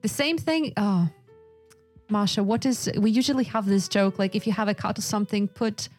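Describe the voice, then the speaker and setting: A woman's voice: mid-range voice, moderate pace, darkish tone, soft background music. A woman from Russia with a Russian accent, chatting casually in English in a group discussion. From Yakutia, Russia.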